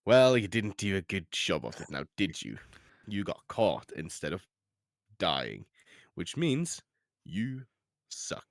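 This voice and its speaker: A man's voice: low-pitched, big pitch swings, takes it slowly, gravelly, long pauses, no room sound, studio quality, exaggerated voice. A man voicing a male adventurer who scolds and taunts a captive. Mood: taunting.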